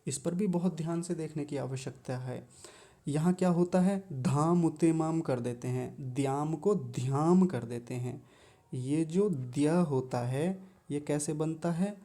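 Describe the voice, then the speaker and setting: A man teaching careful pronunciation of chanted verses, patiently explaining and repeating each word slowly syllable by syllable. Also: a little high, dark tone. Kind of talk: slow, careful pronunciation lesson.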